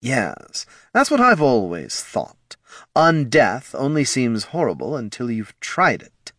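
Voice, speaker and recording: A man voicing a grand skeletal male lich lord who speaks slowly and ominously. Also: medium pitch, wildly swooping pitch, fairly bright tone, dry recording, clean studio sound, voice pushed up, exaggerated voice. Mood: pleased. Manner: slow, drawn-out, ominous.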